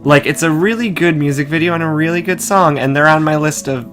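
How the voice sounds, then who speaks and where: A man's voice: on the high side, brisk, a bit bright, faint music behind. A man co-hosting a let's-play, joking and chatting casually between game lines. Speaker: co-host playing a story game. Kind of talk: casual chat.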